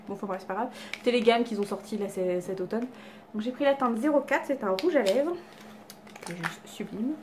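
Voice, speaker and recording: There's background noise as a woman with a fairly high voice chats casually to camera. A beauty vlogger at home with her cats, she runs through her makeup haul, teasing herself and restarting often amid plenty of fillers.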